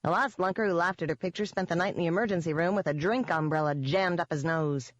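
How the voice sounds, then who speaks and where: A woman's voice: on the low side, fast, dry recording, lightly acted. A woman voicing a tiny cheeky pixie man. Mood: teasing. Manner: cheeky, teasing. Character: tiny cocky male pixie, quick-tempered. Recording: dull, dry audiobook recording.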